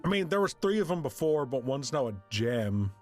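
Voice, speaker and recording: A man's voice: medium pitch, big pitch swings, normal speed, darkish tone, faint music behind. A man playing a tabletop game, casual and laughing a lot. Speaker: player.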